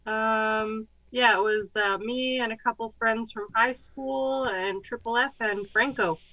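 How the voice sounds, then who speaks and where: A woman joining a podcast over a video call, her voice hoarse from illness, laughing along with the teasing. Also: fairly high pitch, steady tone, measured pace, pushed and bright, no echo, soft background music, poor audio. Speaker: guest co-host.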